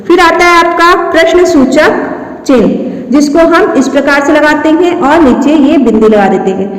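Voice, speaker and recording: Woman teacher, high voice, slow patient explanations, repeats terms, roomy echo. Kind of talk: classroom grammar lesson. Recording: echoey room with long reverb.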